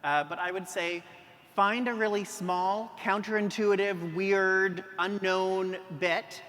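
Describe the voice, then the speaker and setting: A physician speaking on a conference panel, chatty and acting out quoted dialogue, recorded in a reverberant hall. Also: male voice, high-pitched, fairly even intonation, slow pace, pushed and bright. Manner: conversational, acts out quoted dialogue. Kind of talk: panel discussion. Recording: reverberant hall with faint noise.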